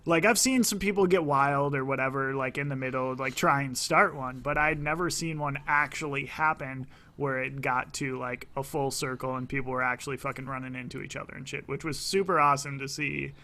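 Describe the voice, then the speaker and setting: A man's voice: mid-range voice, steady tone, brisk, few pauses, bright, forceful tone. A man hosting a podcast, chatting casually and enthusiastically with some swearing.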